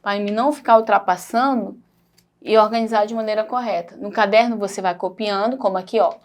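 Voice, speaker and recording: A woman's voice: mid-range voice, fairly even intonation, brisk. A woman teacher with a Brazilian Portuguese accent, giving a recorded primary school lesson in a patient, explanatory way and pointing things out as she goes.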